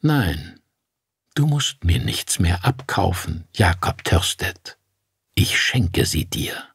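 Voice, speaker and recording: Male reader playing a cold, accusing ghost of a little match girl, husky voice, dry sound. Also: lowish voice, big pitch swings, normal speed, darkish tone, no echo, exaggerated voice. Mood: whispering.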